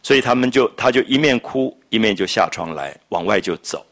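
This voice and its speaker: Low-voiced man giving a storytelling lecture. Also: brisk. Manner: explains phrases and retells scenes in a lively, chatty way. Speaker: literature lecturer.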